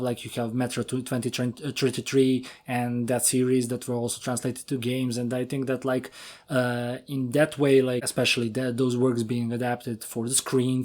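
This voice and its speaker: A man's voice: medium pitch, a little mellow. A man hosting a casual podcast interview, using "like" and other fillers often. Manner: filler-heavy, uses "like" often. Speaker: podcast host. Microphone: remote podcast recording.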